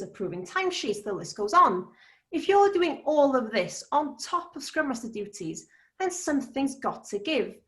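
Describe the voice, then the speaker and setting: A woman's voice: on the high side, a bit bright. A woman with a Welsh accent giving an earnest, persuasive prepared conference talk. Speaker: conference speaker.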